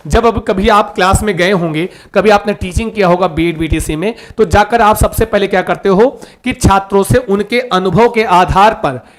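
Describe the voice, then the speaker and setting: A man leads a live online lesson in a fairly high voice. He coaxes his students along, repeats the key terms again and again, and keeps pressing them to give an answer. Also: normal speed, hardly any pauses. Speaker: online teacher for an exam-prep class.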